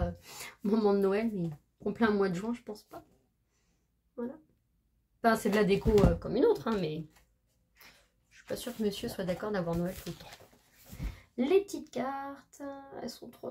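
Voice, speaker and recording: A woman's voice: mid-range voice, dark tone, slight background noise. A woman vlogger chatting casually as she shows off craft paper, gushing and hesitating often. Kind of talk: casual show-and-tell chat.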